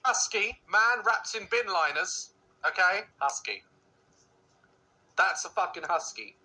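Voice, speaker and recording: A woman's voice: on the low side, lively intonation, takes it slowly, pushed and bright, poor audio. A woman hosting a casual reaction video, blunt and swearing freely, laughing often at what she watches.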